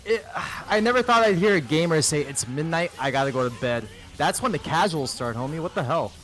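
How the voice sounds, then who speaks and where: A man's voice: fairly high pitch, animated, a little fast, fairly bright tone. A man in his thirties doing casual, crude, joking commentary on a fighting game tournament stream. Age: 30s. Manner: joking, crude, playful banter.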